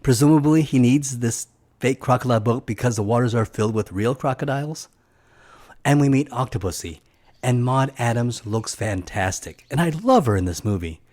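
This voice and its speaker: A middle-aged man talks through a film's plot at a mid pitch, with an eager, chatty manner. He drops personal asides between the story beats and sounds like he is reading a script he wrote himself. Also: lively intonation, moderate pace, darkish tone. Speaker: film reviewer. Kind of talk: scripted film recap narration.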